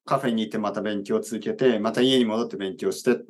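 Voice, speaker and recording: A man hosting a podcast, explaining in a slow, teacherly way during a casual chat. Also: fairly low pitch, steady tone, darkish tone. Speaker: podcast host. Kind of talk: casual chat about studying Japanese.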